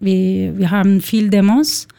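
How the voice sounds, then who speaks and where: A woman from Turkey, who runs a record label, speaking German haltingly and searching for words. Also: mid-range voice, steady tone, gravelly, warm tone.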